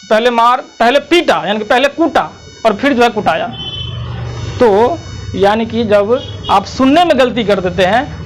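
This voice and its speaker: A man teaching a grammar lesson, asking the class questions and answering them himself, with examples repeated slowly. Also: very high voice, slight background noise, low-quality recording.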